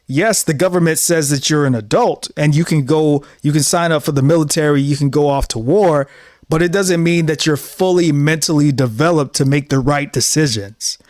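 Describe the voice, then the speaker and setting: Speaking straight to camera in a relaxed monologue, this thirty-something show host sounds earnest and moralizing and keeps repeating himself. His slightly high voice moves at an ordinary pace, captured in studio quality without echo.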